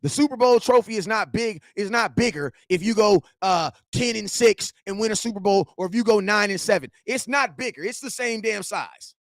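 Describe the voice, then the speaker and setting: A man, reading and answering viewer chat in a slangy, animated sports rant. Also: high voice, moderate pace, hardly any pauses, no room sound, clean studio sound. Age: 40s. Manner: animated, slangy trash talk, shouts at chat. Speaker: sports fan streamer.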